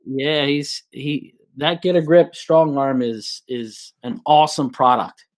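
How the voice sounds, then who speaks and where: A man's voice: on the high side, slow pace. A man hosting a live show, chatting casually and telling work stories with many restarts. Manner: storytelling, relaxed, lots of restarts. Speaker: host.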